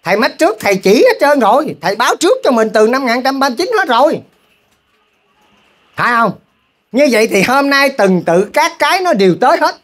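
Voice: high-pitched, big pitch swings, fairly bright tone. A lay preacher with a Southern Vietnamese accent, telling a moral story as a sermon and keeping the congregation involved with rhetorical questions. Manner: keeps asking the audience rhetorical questions; repetitive, folksy, halting restarts.

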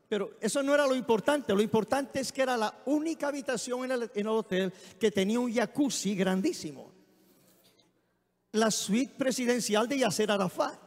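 A man preaching a sermon in a church, telling anecdotes in a lively way and often exclaiming amen. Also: extremely high pitch. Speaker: guest preacher. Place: church sanctuary. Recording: long hall reverb.

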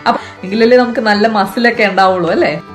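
A woman's voice: mid-range voice, fast, soft background music. A woman with a Malayali accent hosting a casual lesson for children, chatty and coaxing, asking the viewer questions. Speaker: vlog host teaching French to kids.

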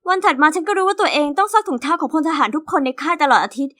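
A woman narrating as a cheeky teenage orphan girl in an animated diary story. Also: high voice, very fast. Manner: lively, cheeky first-person storytelling.

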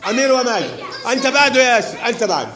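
Brisk male teacher running a class game. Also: extremely high pitch, big pitch swings, over a noisy crowd, heavy background noise. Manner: brisk, directive, urging pupils on. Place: classroom, large room.

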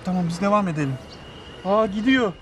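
An actor playing a young male math tutor, talking in a hurried, pleading way in a TV series scene. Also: sits high, animated, fairly bright tone, a little hiss or hum. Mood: relieved. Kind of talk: TV series acting.

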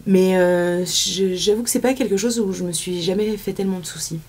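This French woman, in her thirties and speaking with a French accent, is a casual interview guest whose speech keeps restarting and filling pauses. Her voice is low-leaning, brisk and somewhat dark. The recording takes place in a small studio indoors.

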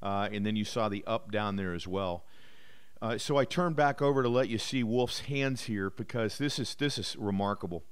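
Smooth-voiced man narrating flight footage. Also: lowish voice, moderate pace. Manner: easygoing, explanatory, frequent "uh" fillers. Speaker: bomber pilot narrating his flight footage. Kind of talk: voice-over commentary.

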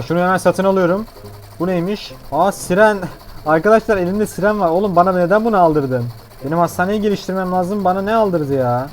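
Fast, excitable man narrating gameplay. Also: sits high, a little hiss or hum. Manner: excitable, brash, jokey. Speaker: gaming YouTuber. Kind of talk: gameplay commentary.

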